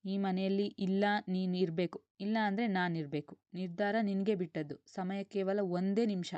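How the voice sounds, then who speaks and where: Stern scolding mother, read by a woman, flat low delivery, dull audio. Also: moderate pace, clean tone, no echo, lightly acted. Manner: scolding, commanding. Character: stern angry mother, middle-aged.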